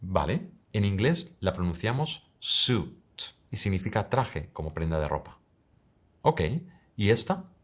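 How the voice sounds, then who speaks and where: Low-voiced male English teacher. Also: big pitch swings, measured pace. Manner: direct, addresses the listener, models English words. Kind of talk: scripted online lesson.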